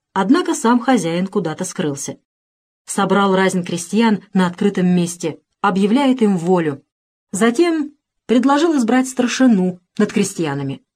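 Женщина размеренно и драматично читает по тексту исторический сказ. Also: female voice, medium pitch, a little mellow. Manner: dramatic, measured storytelling. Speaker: storyteller. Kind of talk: scripted narration of a historical tale.

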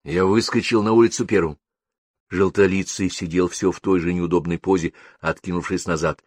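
A man narrating a first-person story as an audiobook, in measured storytelling. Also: low voice, fairly even intonation, no room sound.

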